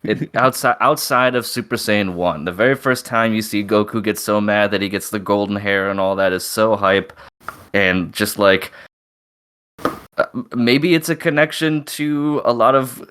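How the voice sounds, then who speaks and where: A man's voice: fairly low pitch, normal speed, fairly bright tone, smooth. A man on a fan podcast panel, chatting enthusiastically and rambling with lots of fillers. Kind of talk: casual chat.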